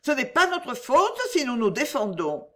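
A woman's voice: high voice, sing-song, measured pace, bright, forceful tone, pitched above the performer's own voice, exaggerated voice. A woman reading as a fiery young woman in love. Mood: pleading, indignant. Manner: vehement, pleading. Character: passionate young woman defying an arranged marriage.

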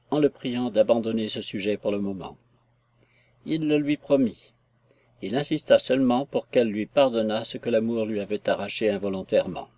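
A man narrating a classic novel in a measured, literary reading. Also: mid-range voice, a little mellow, no echo. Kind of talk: audiobook narration.

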